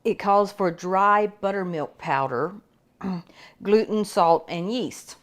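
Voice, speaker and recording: A woman's voice: mid-range voice, slow pace. A middle-aged woman casually demonstrating a bread machine recipe at home, chatty and rambling with frequent restarts.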